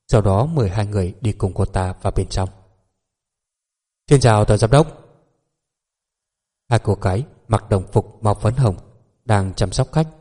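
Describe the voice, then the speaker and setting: Male audiobook narrator, low and mellow, steady and even delivery. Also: slightly rough. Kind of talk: scripted narration.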